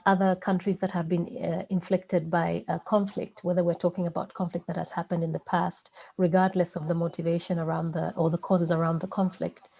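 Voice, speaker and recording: A woman presents over a video call, her voice pitched a little low and mellow. She talks in a thoughtful, halting way, often pausing and restarting her sentences as she works through her points. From Zambia. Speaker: webinar presenter.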